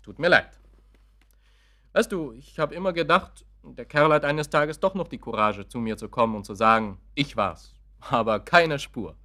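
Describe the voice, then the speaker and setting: An actor playing an irritable, evasive young man in a radio drama, talking to his mother in a gruff, curt and impatient way. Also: mid-range voice, moderate pace, bright, forceful tone, natural voice. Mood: tense, confiding. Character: irritable, evasive grown son, office worker. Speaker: son.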